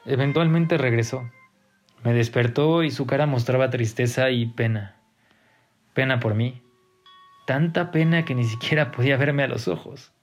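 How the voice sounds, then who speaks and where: Man narrating a dark horror tale. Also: normal speed. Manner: tense, dramatic, rises in pitch at key moments. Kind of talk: first-person horror story narration. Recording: faint music behind the voice.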